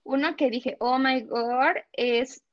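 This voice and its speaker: Young Mexican woman, interview guest; high, animated storyteller voice; dull, dry recording. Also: takes it slowly, no room sound. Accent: Mexican Spanish. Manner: animated storytelling, acts out dialogue, laughs often. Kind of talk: casual interview chat.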